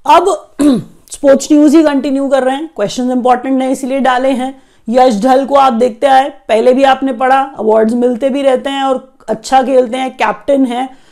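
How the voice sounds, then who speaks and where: Woman teacher, high-pitched, gravelly, repeats points to memorize. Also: fairly even intonation, normal speed, a little mellow. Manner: explains and repeats key facts for memorizing. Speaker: exam coaching teacher. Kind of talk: current affairs lesson.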